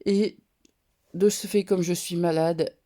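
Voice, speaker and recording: A woman with a head cold, talking through her nose and a bit loudly as she chats casually through a craft haul. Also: lowish voice, fairly even intonation, takes it slowly. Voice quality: nasal. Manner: talks a bit loud, chatty with fillers. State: congested from a cold, nasal. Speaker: scrapbooking vlogger. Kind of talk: casual haul show-and-tell.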